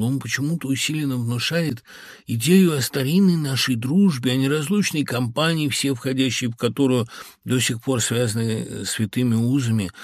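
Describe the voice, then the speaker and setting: A man reading an audiobook in a measured, even storytelling voice on a close studio mic. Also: medium pitch, breathy edge, dry recording. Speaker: audiobook reader. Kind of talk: audiobook narration.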